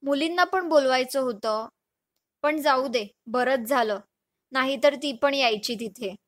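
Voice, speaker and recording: A woman voicing a lively young wife in a storybook reading, chiding and a little bossy. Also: high voice, a little slow. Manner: scolding, bright.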